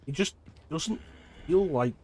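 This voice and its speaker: A man's voice: fairly high pitch, animated, takes it slowly, darkish tone, a little hiss or hum. A man streaming a game with casual, offhand, wry commentary.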